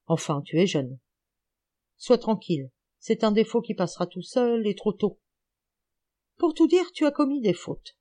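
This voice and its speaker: A woman reading an audiobook, voicing an elderly, gouty male amateur detective who is excited, teasing and lecturing. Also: mid-range voice, unhurried, pauses often.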